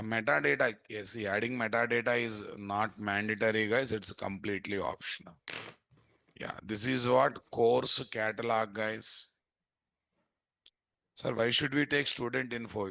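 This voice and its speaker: Speaking in a fairly low, creaky voice with a sharp tone, an Indian-accented man gives a live coding lesson at a computer indoors. He keeps throwing in rhetorical questions, frequently repeating "what," and the recording has no echo.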